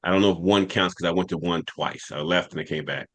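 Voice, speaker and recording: A man's voice: low voice, fast talker, breathy edge. A man hosting a podcast and telling a rambling personal story from childhood, with a New York accent. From United States. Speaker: podcast host. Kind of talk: casual storytelling.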